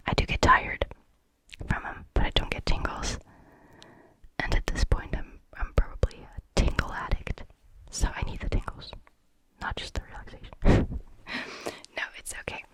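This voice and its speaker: Breathy, ultra-close ASMR whisper. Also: rough recording. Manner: close-up whispering with slow, drawn-out words. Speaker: ASMR video creator. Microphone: very close, high-sensitivity microphone.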